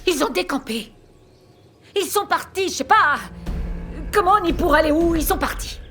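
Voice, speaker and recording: A woman's voice: on the high side, lively intonation, fairly quick, natural voice. An actress dubbing a tense woman at a wounded man's bedside who speaks urgently. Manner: urgent, soothing by turns. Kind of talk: dubbed telenovela acting. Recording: music playing underneath.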